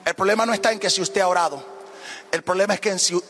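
A man's voice: high-pitched, quick pace, fairly bright tone, faint music behind. A man preaching a fervent sermon as a pastor, often lifting his phrases into a half-sung cadence.

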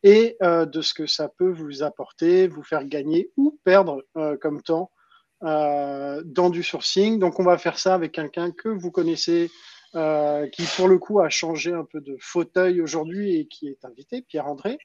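A man's voice: on the high side, unhurried, a little mellow, dry recording, muffled recording. A man hosting a casual live stream, chatty and stumbling over restarts while greeting viewers.

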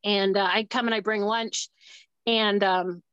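A woman guest in casual conversation, telling a personal story in an animated way. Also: medium pitch, measured pace, clear, resonant tone, dry recording, dull audio. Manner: animated, acts out dialogue.

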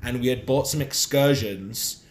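Animated podcast host, roomy sound. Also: male voice, a little slow. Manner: animated storyteller, swings in pitch and loudness. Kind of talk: casual chat on a live podcast. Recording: roomy echo.

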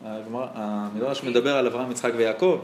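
A man's voice: medium pitch, fairly even intonation, a little mellow, slight background noise. A man, a rabbi, preaching a sermon and telling stories, his voice rising and dropping sharply. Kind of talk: sermon with storytelling. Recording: roomy echo.

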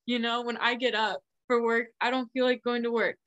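A woman's voice: a little high, level tone, brisk, a bit bright, muffled recording. A woman hosting a faith podcast, talking in an earnest, affirming way and laughing easily. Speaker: podcast host. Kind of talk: casual faith conversation.

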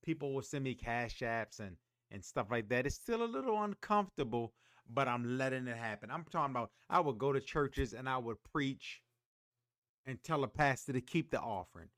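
An emphatic man delivers a motivational monologue in a preacher's manner and asks listeners to repeat after him. His voice sits at an average pitch for a man. The sound is dry and close, with no room echo. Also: animated, normal speed, a bit bright. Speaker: motivational podcast host.

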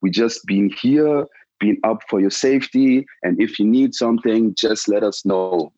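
Low-voiced Ghanaian-born man, slangy and relaxed. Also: normal speed, no room sound, lo-fi sound. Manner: relaxed, slangy, many "like" and "yo" fillers. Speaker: protest organizer. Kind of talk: casual interview answers.

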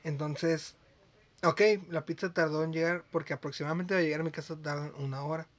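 A man's voice: a little high, flat delivery, a bit bright. A young Mexican man with a Mexican accent, co-hosting a podcast and telling jokey stories in casual slangy chat. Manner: joking, quick slangy storytelling. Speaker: podcast co-host. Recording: dull lo-fi sound.

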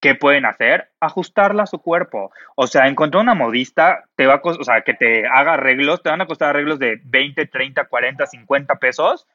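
Male image consultant, podcast host, bright forward tone, lo-fi dry recording. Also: medium pitch, a little fast, few pauses, no echo. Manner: expressive, uses many fillers like "o sea". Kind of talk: casual podcast chat.

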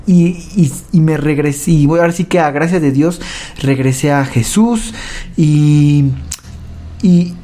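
A man with a Mexican accent gives a personal faith testimony, halting, repeating words and often tagging his sentences with a question. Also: on the high side, dark tone.

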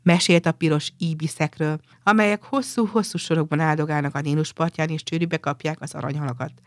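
A woman reading a fairy tale aloud in a calm, even storytelling manner. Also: sits low, dry recording, studio quality.

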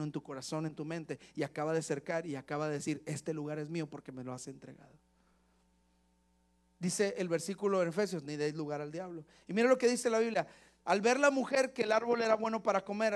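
Male pastor, high voice, lively sermon delivery with call-outs. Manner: calls out to the congregation, acts out Bible scenes.

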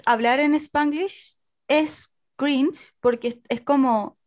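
A woman's voice: high voice, steady tone, takes it slowly, darkish tone. A young woman with a Chilean accent in casual conversation, colloquial, with the odd English word mixed into her Spanish. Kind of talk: casual chat.

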